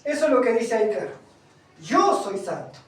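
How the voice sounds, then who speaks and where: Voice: mid-range voice, very animated, moderate pace, a bit bright. Echoey preacher, far from the mic. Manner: emphatic, asks the congregation questions. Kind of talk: sermon with Bible reading. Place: congregation hall, also streamed.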